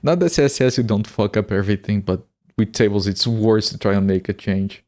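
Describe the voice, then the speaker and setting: Low-voiced man, chatty and stammering. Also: fairly quick, darkish tone. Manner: stammers and repeats words when starting sentences; casual, swears freely. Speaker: streamer. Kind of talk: casual chat while gaming on a live stream.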